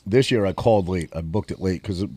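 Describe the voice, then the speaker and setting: A man with a low, dark, slightly breathy voice talks fast as a podcast co-host, spinning a rambling road-trip story packed with swearing and filler words in casual storytelling chat. There's no echo.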